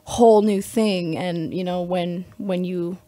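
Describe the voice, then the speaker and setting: Chatty young woman, low dry voice. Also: steady tone, slow pace, mellow, no room sound. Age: young adult. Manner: chatty, rambling, heavy with "like" and "you know". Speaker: interviewee, music student. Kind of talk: casual interview answers.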